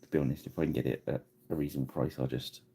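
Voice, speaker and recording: Male livestream painting host, deep gravelly voice, rambling and chatty. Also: steady tone, very fast, warm tone. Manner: rambling, chatty, laughs at himself. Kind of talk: casual live painting tutorial.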